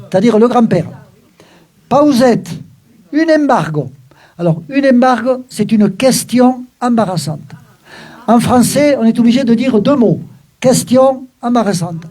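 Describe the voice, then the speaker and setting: An older man teaching Occitan, explaining a text with lively emphasis and frequent asides to his listeners. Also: extremely high pitch, breathy edge. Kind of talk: explaining a text in a recorded talk.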